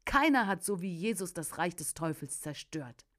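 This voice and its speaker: A woman's voice: on the low side, animated, moderate pace. Fervent woman narrating a preacher's memoir. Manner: fervent, bursts into loud emphatic exclamations. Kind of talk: scripted narration of a first-person preacher's memoir.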